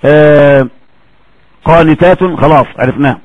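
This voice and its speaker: Man, Egyptian accent, religious lecture, animated colloquial delivery, muffled dry recording. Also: a little high, moderate pace, no room sound. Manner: colloquial, animated, acts out quoted voices.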